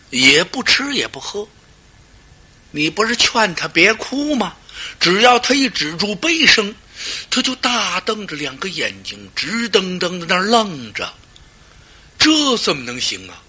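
A man's voice: fairly high pitch, sharp tone, husky. A male storyteller performing a traditional tale dramatically, with asides to the listener.

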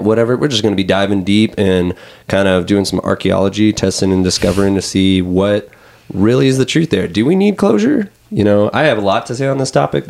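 Low-voiced man hosting a chatty podcast. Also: creaky, a little mellow. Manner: opens in a mock radio-announcer voice, then talks loosely with many fillers. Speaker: podcast host. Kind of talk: casual podcast chat.

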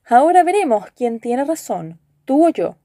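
A man's voice: very high-pitched, very animated, normal speed, mellow, dry recording, studio quality, voice pushed up, full character voice. A woman voicing an angry, stern nobleman who speaks in a commanding, threatening way.

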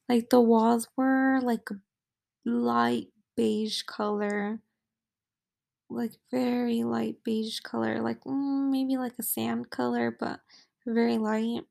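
Young woman podcast host, slow and rambling, gravelly fry, filler-heavy casual storytelling. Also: on the high side, a little mellow.

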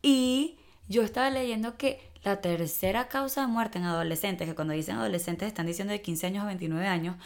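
A woman's voice: medium pitch, a little fast. A young woman co-hosting a casual chat, speaking in an earnest, reflective way.

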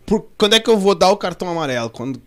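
Male host, lively, questioning, fairly high. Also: racing. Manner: asks questions, laughs easily. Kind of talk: casual chat.

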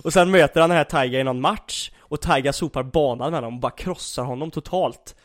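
A man's voice: on the high side, dry recording, studio quality. A young man in casual chat, animatedly retelling an anime with lots of fillers. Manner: animated, many fillers like "liksom".

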